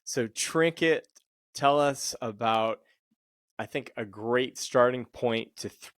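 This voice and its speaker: A man's voice: mid-range voice, slow, a bit bright, no echo. A middle-aged man hosting a panel interview, rambling with many fillers and restarts. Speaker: podcast host and sync agent.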